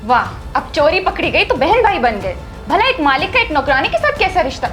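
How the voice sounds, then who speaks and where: A high, sharp-tongued rich mistress scolds and accuses her servant, as an actress puts her on. Soft music runs behind the drama. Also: big pitch swings, fairly quick. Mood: accusing. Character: harsh, suspicious rich woman employer. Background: soft background music.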